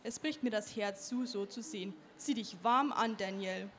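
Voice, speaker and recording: A woman's voice: mid-range voice, normal speed, noisy background. A teenage girl reading aloud from her own novel in an earnest way, with a few small slips. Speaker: young author.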